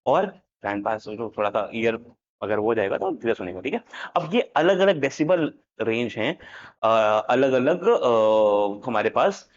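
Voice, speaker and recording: A man's voice: mid-range voice, expressive, measured pace. A man teaching a lesson, playful and jokey, switching between Hindi and English. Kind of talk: animated classroom lecture. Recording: dull lo-fi sound.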